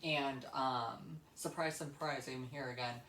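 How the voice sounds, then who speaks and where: Speaking at a measured pace with a steady, sharp medium-pitched voice, this young adult vlogger tells a casual, rambling story. The room echoes and there's slight background noise; the delivery is blunt and emphatic, with free swearing and repeated points.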